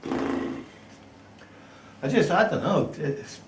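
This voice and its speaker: A man's voice: on the high side, extremely slow. Guy arguing his point on a panel, echoey room, off-mic. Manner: argumentative, animated. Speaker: panel guest. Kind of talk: casual panel discussion. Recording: roomy, mic at a distance, faint hiss.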